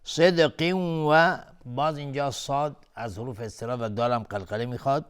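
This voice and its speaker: A man teaching tajweed on a TV lesson, reciting words slowly and then explaining the rules briskly, repeating words to show how they are said. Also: mid-range voice, clean tone. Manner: repeats words to demonstrate pronunciation.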